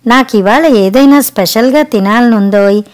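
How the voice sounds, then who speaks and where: A woman's voice: a little high, moderate pace, natural voice. A woman voicing an impatient grumbling husband. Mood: demanding. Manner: demanding, grumbling. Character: husband craving special food, impatient.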